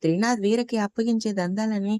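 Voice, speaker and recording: A woman's voice: medium pitch, steady tone, a little fast, dark tone, dry recording, clean studio sound, close to an everyday voice. A woman voicing a swaggering male thug who threatens and mocks in a storybook reading. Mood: scheming. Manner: mocking, threatening. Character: cocky menacing male thug, swaggering henchman.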